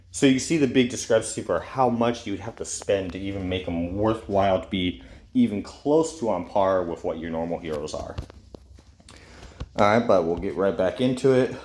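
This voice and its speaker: A man's voice: fairly low pitch, darkish tone. A man with a stuffy nose from a cold, casually reading out and judging game character skills with many fillers. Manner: reads skill text aloud with fillers. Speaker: game reviewer. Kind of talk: casual gameplay commentary.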